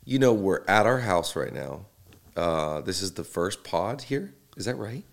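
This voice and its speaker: A tired man with a raspy, froggy morning voice, chatting casually and playfully as a podcast host. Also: low-pitched, big pitch swings, measured pace. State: tired, under-slept. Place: in a house.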